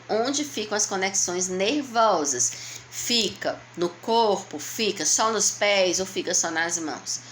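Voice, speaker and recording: A woman with a Brazilian Portuguese accent, a primary school teacher going slowly and patiently through a workbook for young children, asking and answering her own questions. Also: lowish voice, fairly bright tone, slight background noise. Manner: patient, slow, explaining step by step to young children. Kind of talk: remote lesson walking through a workbook.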